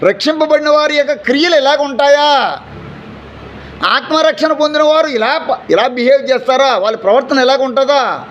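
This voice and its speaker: A man's voice: very high-pitched, moderate pace, a bit bright, lo-fi sound, a little hiss or hum. A man preaching a fervent sermon in a church, asking rhetorical questions and calling out hallelujah. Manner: acts out everyday people in short quoted asides. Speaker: pastor. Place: church during an afternoon service.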